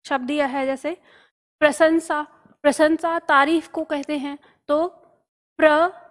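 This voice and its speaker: A woman teaching a spelling lesson, patiently drawing words out slowly and checking in often with her students. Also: high voice, steady tone, in a large hall. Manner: instructive, stretches words out slowly when spelling them. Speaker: Hindi teacher.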